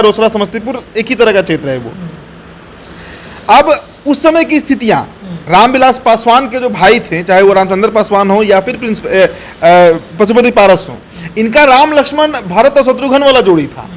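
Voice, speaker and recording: High-pitched man giving political commentary. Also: lively intonation, moderate pace, a little hiss or hum. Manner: assertive, explains step by step with many fillers. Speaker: political analyst.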